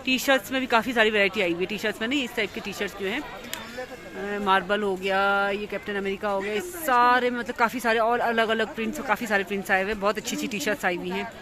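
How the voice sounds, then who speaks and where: A woman's voice: medium pitch, fairly even intonation, fast. A woman with an Indian accent, chatting casually to viewers as she vlogs through a market street, filming on her phone without a mic. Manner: chatty, repeats herself, points things out to viewers. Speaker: vlogger. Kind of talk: casual vlog narration. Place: outdoors in a busy market street. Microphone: phone camera without external mic. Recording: crowded outdoor street noise. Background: crowd and passing vehicles.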